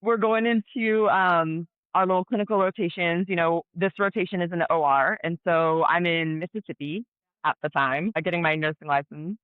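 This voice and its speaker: A woman in her thirties from Colorado, a guest telling stories in an animated, chatty way with many fillers. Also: fairly low pitch, moderate pace, smooth, no echo. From Colorado, USA. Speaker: guest, ER nurse and pro athlete. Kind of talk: casual storytelling interview. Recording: tinny phone-like dry audio.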